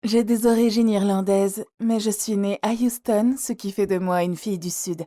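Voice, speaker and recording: A woman's voice: mid-range voice, steady tone, moderate pace, close to an everyday voice. Woman voicing a playful cultured young singer. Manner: polite, gently playful. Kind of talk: audiobook character reading.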